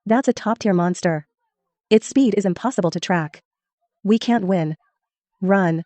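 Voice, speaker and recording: A woman's voice: medium pitch, measured pace, mellow, no echo, natural voice. A woman voicing a righteous, stern alliance officer with formal delivery in a dramatic English dub. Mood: alarmed awe.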